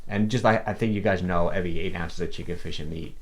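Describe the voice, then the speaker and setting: Low-voiced man coaching in casual livestream. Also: quick pace. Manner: rambling, conversational, many restarts and fillers. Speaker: fitness coach. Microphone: livestream desk mic.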